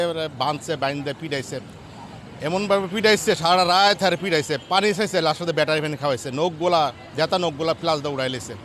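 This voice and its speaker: A man's voice: on the high side, fairly bright tone, slight background noise. A man giving an emphatic eyewitness account as a local bystander, repeating his words for stress.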